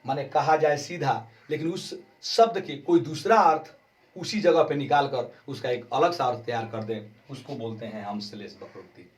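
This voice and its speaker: Male grammar teacher, slow and explanatory, drawing out key terms, recorded from a distant mic. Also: medium pitch. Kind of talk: exam-prep grammar lesson.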